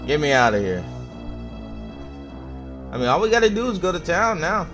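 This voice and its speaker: A man's voice: a little high, very animated, moderate pace, fairly bright tone. A man giving casual, joking gameplay commentary and teasing himself as he plays. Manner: joking, playful, self-mocking. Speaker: let's-play gamer. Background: faint game music.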